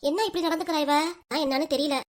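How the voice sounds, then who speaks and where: A woman voicing the bickering family members of a cartoon, with a southern Tamil Nadu accent and a sharp, rapid-fire manner. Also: high voice. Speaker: cartoon voice performer. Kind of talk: quarrelsome family cartoon dialogue.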